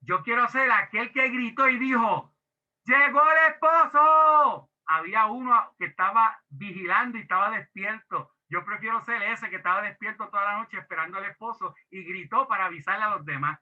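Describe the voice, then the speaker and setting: Animated pastor, tinny sound. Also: male voice, sits high, a little fast, few pauses. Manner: animated, acts out quoted dialogue, mixes in English words. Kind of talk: Bible class sermon. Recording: tinny phone-like audio.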